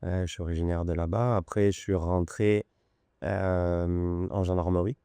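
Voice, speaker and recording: A French man in his forties with a Lyon accent speaks as a podcast guest, pausing often as he tells his story. His voice is deep, dark and mellow. It is clear and smooth, recorded close and dry in a studio. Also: flat delivery, dry recording. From France. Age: 40s. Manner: unhurried, hesitant storytelling. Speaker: podcast guest, luxury goods broker. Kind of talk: conversational interview.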